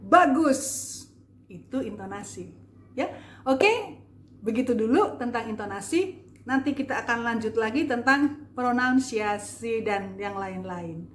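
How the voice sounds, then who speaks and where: A woman's voice: on the high side, lively intonation, measured pace, slight background noise. A woman giving a casual video lesson on public speaking, chatty and demonstrative, with many fillers. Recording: echoey room with faint ambience.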